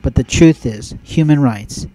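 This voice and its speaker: An emphatic, preachy man delivers a monologue on his own audio show. His voice is dark and mellow, sitting at an ordinary pitch. He builds his points with repeated phrases. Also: a little slow, poor audio. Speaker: podcast host. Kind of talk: spoken opinion monologue.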